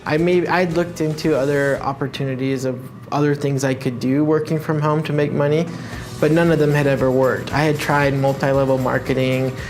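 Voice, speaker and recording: A man giving a steady, earnest testimonial about his experience. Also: on the high side, moderate pace, over music. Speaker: customer testimonial. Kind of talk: calm testimonial.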